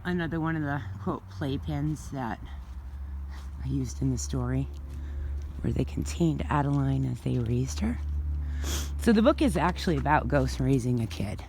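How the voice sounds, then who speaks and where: A woman's voice: very deep voice, expressive, moderate pace, creaky, darkish tone. A woman films herself on a handheld phone while she walks an outdoor winter cemetery. She talks loosely and thinks aloud as she goes, with frequent fillers, and sounds a little winded from the walk. A faint noise hangs in the background. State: slightly out of breath from walking. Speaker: author giving a tour. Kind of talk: casual walking vlog.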